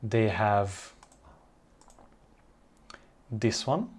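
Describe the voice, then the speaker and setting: A man from Hungary, a native Hungarian speaker with a Hungarian accent, giving an informal language-learning tutorial in halting, searching phrases. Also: fairly low pitch, lively intonation, darkish tone, slightly rough.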